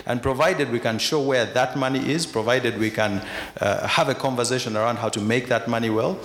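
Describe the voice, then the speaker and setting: A man's voice: medium pitch, fairly quick, fairly bright tone. Man from uganda on a conference panel, frank and blunt, lots of restarts, echoey hall with long reverb. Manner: candid, frank, argumentative with restarts. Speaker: panelist, investor. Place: large conference hall with audience. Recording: echoey hall, faint noise.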